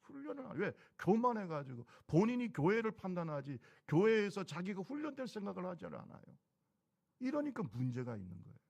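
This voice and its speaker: A man's voice: high voice, huge pitch swings, a little fast, gravelly, a little mellow. A middle-aged man preaching a sermon as pastor of his church, talking in a conversational way and firing rhetorical questions at the congregation. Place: church sanctuary.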